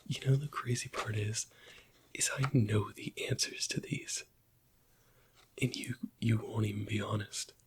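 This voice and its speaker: Here the same weary, bitter Imperial interrogator questions haltingly and pointedly in a whispered ASMR roleplay, his voice breathy and husky. It's lowish and pushed down, with fairly even intonation, and he sounds disappointed.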